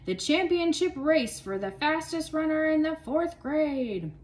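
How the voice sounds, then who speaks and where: An excited fourth-grade boy voiced by a woman reading a storybook calls out races like a sports announcer. His voice is high and eager, jumping around in pitch. He yells more than he talks. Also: measured pace. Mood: announcer-style.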